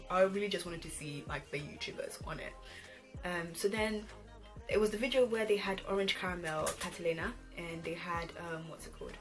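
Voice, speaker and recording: R&B pop music runs under this poorly recorded vlog, where a 21-year-old woman speaks in a lowish voice, chatting casually. She grew up in Ghana before moving to England at twelve.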